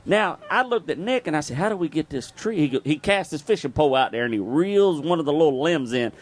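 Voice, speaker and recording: A man's voice: fairly high pitch, expressive, fast, dry recording. A man, hosting an outdoors radio show and telling a story live, laughing often and throwing in sound effects. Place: live event at a bar.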